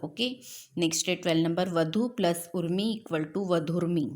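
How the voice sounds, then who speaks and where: Casting: woman grammar teacher, patient explainer, mid-low voice. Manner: explanatory, repeats "है ना" and "okay" to check understanding; mixes English words into Hindi. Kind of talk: classroom grammar lecture.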